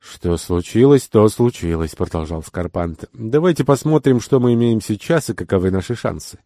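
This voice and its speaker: A man reading an adventure novel aloud, narrating and voicing the dialogue himself, rising sharply in pitch and volume for angry lines. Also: animated, moderate pace, mellow, dry recording, studio quality. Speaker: audiobook reader. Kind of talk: scripted narration with character dialogue.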